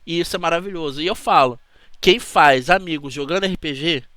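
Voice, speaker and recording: A man's voice: fairly high pitch, brisk, pushed and bright, no echo. A man with a Brazilian Portuguese accent, hosting his channel in a chatty, rambling talk to camera that keeps checking in with the listener. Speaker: channel host.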